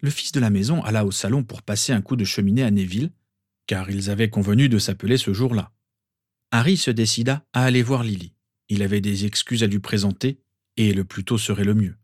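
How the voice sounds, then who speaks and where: Low-voiced man reading a story. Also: brisk, dry recording, studio quality. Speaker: reader. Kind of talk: audiobook narration.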